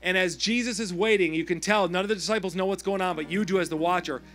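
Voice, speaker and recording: A man preaching a sermon as pastor, impassioned, swinging from hushed tones to loud pleading at an outdoor service. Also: sits high, steady tone, fast talker, soft background music. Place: outdoor service with people in parked cars.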